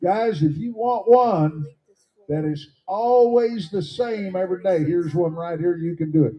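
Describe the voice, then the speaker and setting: A man announcing at a horse sale, plainly pitching each horse's skills to buyers. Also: measured pace, highs cut off. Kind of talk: sales pitch. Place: horse auction ring.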